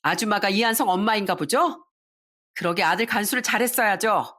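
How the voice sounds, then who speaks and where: Woman doing a snotty young mistress, taunting and pushy, mid-pitched voice. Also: fairly quick, a bit bright, lightly acted. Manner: taunting, demanding. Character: brazen drunk young mistress, mocking.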